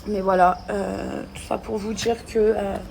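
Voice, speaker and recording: An irritated woman vents straight to her followers with a gravelly, creaky edge to her voice. Her talk is blunt, slangy and circling back on itself. Faint night noise and crickets sit behind her. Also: medium pitch, flat delivery, unhurried, darkish tone. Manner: agitated, repetitive, slangy and blunt. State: upset and irritated. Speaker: vlogger talking to followers. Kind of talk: casual to-camera vent.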